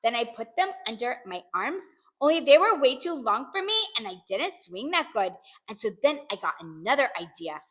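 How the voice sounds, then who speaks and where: A woman reading a children's book aloud in an animated, expressive way, narrating in the first person. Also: a little high, normal speed. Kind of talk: storybook read-aloud.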